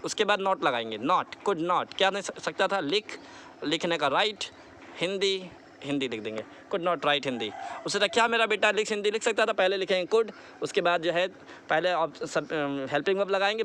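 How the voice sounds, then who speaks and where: A man teaching a spoken lesson, repeating words slowly for practice and mixing into his explanations. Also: fairly high pitch, bright, forceful tone, slight background noise. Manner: mixes English into explanations. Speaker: English teacher.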